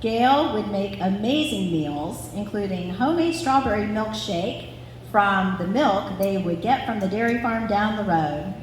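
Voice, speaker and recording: At a live gathering in a large, reverberant room, a woman in her forties from Ohio, United States, reads a family story for an anniversary event as the daughter. Her mid-range voice is expressive and unhurried, mixing scripted narration with chatty, sentimental informal asides. The recording sounds echoey, distant, and clearly noisy.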